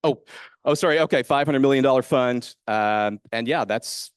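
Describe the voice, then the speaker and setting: A man's voice: medium pitch, moderate pace, clear, resonant tone, no room sound, studio quality. A man presenting an investment fund at a conference in a confident, emphatic and upbeat way. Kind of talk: conference pitch talk. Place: hotel conference room.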